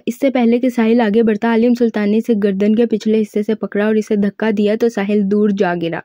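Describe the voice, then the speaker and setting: A woman narrator reading a romance novel aloud as steady storytelling. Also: mid-range voice, dry recording, lo-fi sound. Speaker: audiobook narrator.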